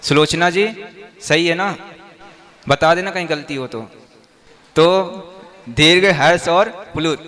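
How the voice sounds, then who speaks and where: Man, monk teacher, slow deliberate delivery, fairly high voice, quizzing a class, patient step-by-step explaining. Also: fairly bright tone. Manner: quizzes the class with repeated questions. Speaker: Jain monk teaching verse meter.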